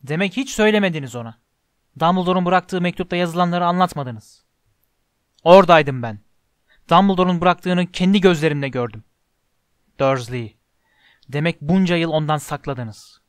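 A man reading an audiobook voices a huge, hot-tempered but kind giant gamekeeper who booms and roars indignantly. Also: fairly quick, no room sound, studio quality, close to an everyday voice. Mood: fierce, earnest. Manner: booming and indignant. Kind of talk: audiobook character voice.

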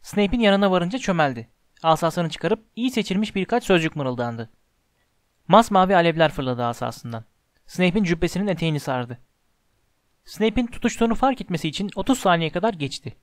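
A man narrating a storybook aloud in a steady, measured reading voice, close to the mic. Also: high-pitched, no echo. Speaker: audiobook narrator.

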